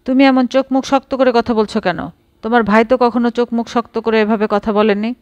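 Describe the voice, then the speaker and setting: A woman's voice: a little high, steady tone, a little fast, darkish tone, no room sound, lo-fi sound, close to an everyday voice. A woman voicing an irritable young mother who speaks harshly, in a storybook reading. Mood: irritated.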